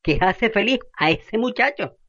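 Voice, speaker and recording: A woman's voice: mid-range voice, a little slow, no room sound, dull audio. A pious old village woman. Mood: soothing. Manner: calming, exclaims to Jesus.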